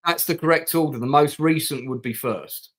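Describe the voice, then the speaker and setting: A man's voice: fairly high pitch, moderate pace. Man, interview host, friendly, repeats words, casual questions. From Denmark.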